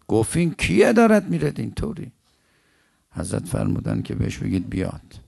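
Male preacher, low gravelly voice, vivid storyteller who slips into slow chanted verse; dry close sound. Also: darkish tone, no echo. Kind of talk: religious storytelling sermon.

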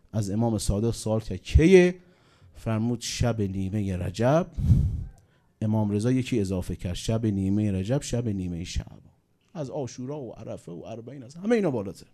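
Dark-voiced man preaching a mournful sermon. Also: lowish voice, sing-song. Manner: swings between loud exclamations and hushed, mournful lines. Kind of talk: religious sermon with storytelling.

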